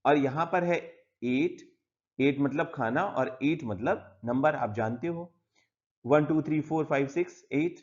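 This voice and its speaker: A man's voice: on the high side, measured pace. Man teaching a textbook lesson, mixing Hindi and English. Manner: explains step by step, often saying "yahan pe" and "theek hai"; mixes Hindi with English words. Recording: slightly dull lo-fi audio.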